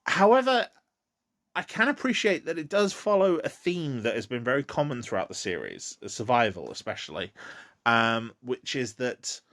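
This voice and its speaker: On his solo podcast, a man chats casually about movies, often saying um and starting sentences over. His voice is mid-range and a bit bright.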